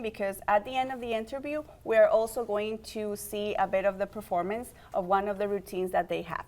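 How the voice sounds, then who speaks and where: A young adult woman with a medium-pitched, darkish voice hosts and organizes a community TV interview program. She is friendly and upbeat, guiding her guests along with questions.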